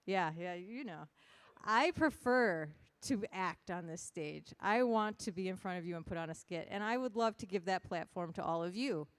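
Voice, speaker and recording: A woman's voice: lowish voice, moderate pace, few pauses, clean tone, dry recording. A woman emceeing a costume contest on stage, chatty and joking as she rallies the crowd. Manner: chatty, joking, rallying the audience. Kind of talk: lively stage hosting to a crowd.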